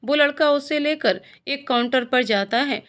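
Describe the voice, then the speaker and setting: A woman narrating a scripted family story in a steady, even storytelling manner. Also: high-pitched, measured pace.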